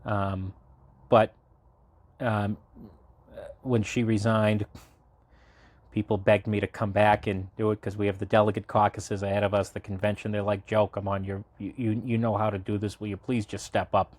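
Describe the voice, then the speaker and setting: His voice sits fairly low with little pitch movement, a normal speed, and a darkish tone, recorded dry. He's a late-twenties local party committee chair from Massachusetts, rambling through a casual podcast interview with frequent fillers and restarts.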